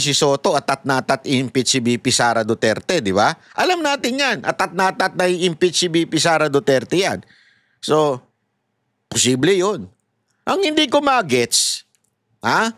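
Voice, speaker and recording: With a slightly high, fairly bright voice and no echo, a man speaks straight to his viewers in heated, sarcastic political commentary. His tone is mocking throughout.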